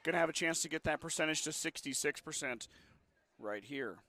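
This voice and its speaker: Hoarse man calling local basketball. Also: fairly high pitch, sharp tone, no echo. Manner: quick play-by-play, rising with the action, reads sponsor ads fast. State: sore throat. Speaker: play-by-play announcer. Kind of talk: local radio basketball commentary.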